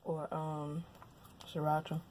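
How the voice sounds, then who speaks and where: A young woman from Louisiana talks casually into a lapel mic at home between bites of food. Her voice is mellow and a little low, and her chat stays loose and easygoing. A faint hum of room noise sits behind her. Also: slow. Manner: relaxed, chatty, talks with mouth full. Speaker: mukbang vlogger. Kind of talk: casual chat while eating. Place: at home, indoors.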